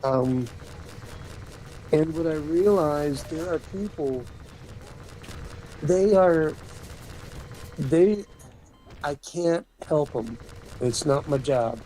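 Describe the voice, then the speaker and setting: A man's voice: fairly high pitch, drawn-out words, pauses often, mellow, soft background music, poor audio. A man hosting a casual spiritual chat, rambling with many restarts and trailing off.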